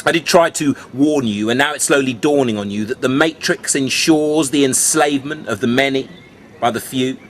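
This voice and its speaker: A man performing rhyming beat poetry in a cool beatnik manner, with dramatic, drawn-out phrasing, speaking to the listener like a conspiratorial mentor. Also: mid-range voice, slight background noise. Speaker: spoken-word poet.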